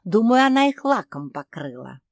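A woman's voice: medium pitch, very animated, normal speed, dry recording, clean studio sound. A woman doing a curt, observant girl animal. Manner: curt, matter-of-fact. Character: sharp, observant young female animal.

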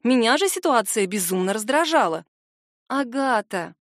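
Expressive woman narrating a fantasy novel. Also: fairly high pitch, brisk, dry recording, clean studio sound. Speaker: audiobook narrator. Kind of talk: first-person fantasy novel reading.

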